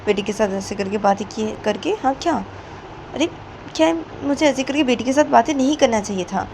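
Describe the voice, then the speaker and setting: A protective mother who pleads firmly and tries to calm things down, her voice pitched up, as a woman narrator puts her on. Steady traffic noise sits behind her. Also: fairly quick. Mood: pleading. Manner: pleading, placating, repeats requests.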